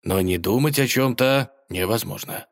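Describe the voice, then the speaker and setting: A man narrating a children's story in a lively, expressive way. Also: medium pitch, normal speed.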